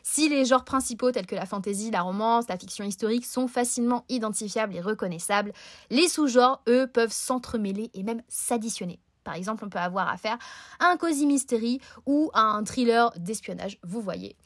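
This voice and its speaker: A woman's voice: on the high side, brisk, dry recording, clean studio sound. A woman presenting a scripted book podcast chronicle, breaking it up with playful, self-mocking asides.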